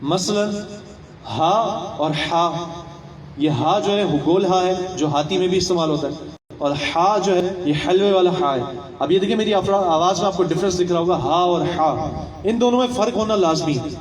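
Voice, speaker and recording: High-voiced preacher in an echoey hall. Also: male voice, far from the mic. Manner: asks rhetorical questions, repeats phrases, mixes in English words. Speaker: religious instructor. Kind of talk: religious training talk.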